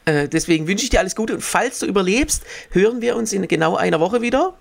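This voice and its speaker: Man, podcast co-host, gravelly, ironic banter. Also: high voice, animated, quick pace. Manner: dry, ironic, laughs between points. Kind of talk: casual chat.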